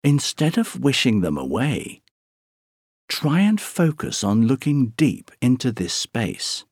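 A man slowly guiding a sleep meditation, counting breaths in a soothing, drawn-out way with long pauses. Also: medium pitch, big pitch swings, a little mellow, husky, no room sound, studio quality. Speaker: meditation guide.

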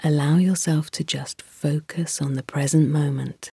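Woman, meditation guide, hushed and soothing; low, husky, unhurried delivery. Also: fairly even intonation, no room sound, studio quality. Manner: slow, soft, soothing, drifting into whispers.

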